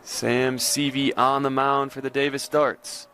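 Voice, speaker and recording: A man's voice: mid-range voice, flat delivery, unhurried, bright, forceful tone, slight background noise. A man giving live play-by-play baseball commentary as a sports announcer.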